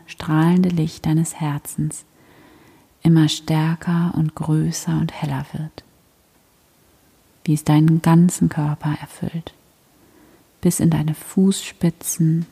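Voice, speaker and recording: A woman guiding a prayer meditation in a soft, breathy whisper, gentle and soothing. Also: low voice.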